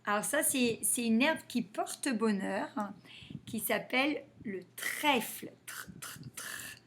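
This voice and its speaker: A woman teaching a phonics lesson to young children, sounding out letters and syllables slowly and carefully. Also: fairly high pitch, animated, background noise.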